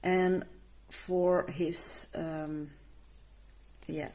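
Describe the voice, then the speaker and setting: A woman's voice: deep voice, little pitch movement, extremely slow, dark tone. A woman who is not a native English speaker, casually reviewing art markers and stopping often to restart her sentences. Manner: hesitant, many restarts and fillers. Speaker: coloring channel host.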